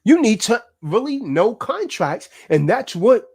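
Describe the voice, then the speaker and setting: A man's voice: sits high, very animated, a little slow, darkish tone, slightly rough. A man giving a fiery, preachy lecture, full of emphatic rhetorical questions. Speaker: speaker teaching about contracts.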